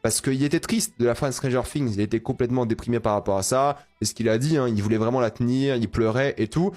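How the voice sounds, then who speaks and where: A man's voice: medium pitch, fast talker, a little mellow, faint music behind. A man giving blunt, matter-of-fact commentary to camera. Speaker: entertainment news commentator.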